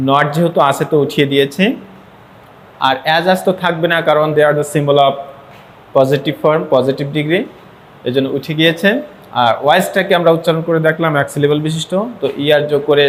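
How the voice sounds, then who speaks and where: A male teacher talks a classroom through a grammar lesson, his voice sitting a little high. He repeats words slowly to model their sound and slips English phrases into his explanations. Faint background noise runs under the recording. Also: a bit bright. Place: classroom with students.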